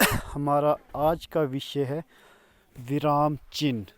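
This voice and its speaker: A man teaching a grammar lesson in a slow, explanatory way, pausing between examples and coughing now and then. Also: fairly high pitch, steady tone, clear, resonant tone, no room sound.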